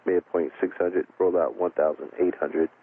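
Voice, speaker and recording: A male tower air traffic controller issues clipped, formulaic instructions in a matter-of-fact manner over aviation radio. His voice is low and level at a moderate pace, heard through a narrow, tinny transmission with faint static.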